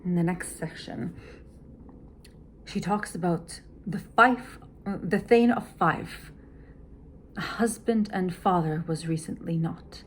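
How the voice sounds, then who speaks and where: A woman opera singer explaining her approach to a scene in a measured, teacherly way. Her voice sits on the lower side and she takes her time. She often drops into a soft near-whisper, with a faint hum of room ambience behind her. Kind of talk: teaching walkthrough.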